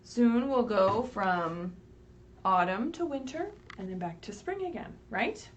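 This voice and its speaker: A children's librarian with a high, very lively voice leads story time, reading a picture book aloud to small children. She takes her time in a sing-song way, explains simply and keeps checking in with little questions and "right?". Recorded on a livestream, she sounds a bit far from the mic, with faint background noise.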